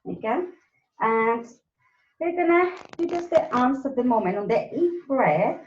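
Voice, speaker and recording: A woman's voice: on the high side, animated, a little slow, faint music behind. A woman instructing a live Pilates class, counting breaths and movements aloud in short, spaced cues. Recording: roomy echo, distant mic, slightly dull sound.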